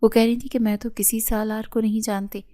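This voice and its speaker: A woman's voice: fairly high pitch, level tone, dark tone, lightly acted. A woman reading the lines of a chatty young sister.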